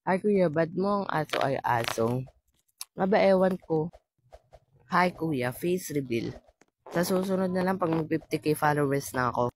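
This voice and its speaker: A man's voice: fairly high pitch, slight background noise. A man with a voice that sounds like a woman's, reading viewer comments aloud in casual chat and answering them with playful, teasing quips. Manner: playful, teasing, quick deadpan replies. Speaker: gaming content creator. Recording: clear background music. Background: music playing under the voice.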